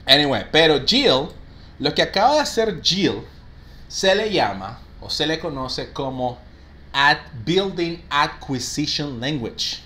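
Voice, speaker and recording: Lively bilingual male English teacher. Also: fairly high pitch, slow. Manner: lively, mixes Spanish and English, praises students often. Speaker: English teacher for call center agents. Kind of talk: live online class, reading out student answers.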